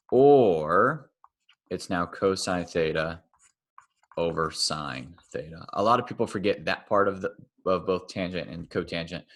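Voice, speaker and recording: A man's voice: low voice, a bit bright. A male math teacher recording a casual online lecture, thinking aloud and correcting himself as he draws on screen.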